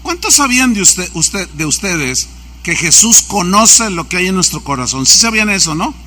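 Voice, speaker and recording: A man's voice: sits high, big pitch swings, normal speed, bright, forceful tone. A man preaching a sermon as pastor. He asks the congregation questions and acts out anecdotes. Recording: church service recording.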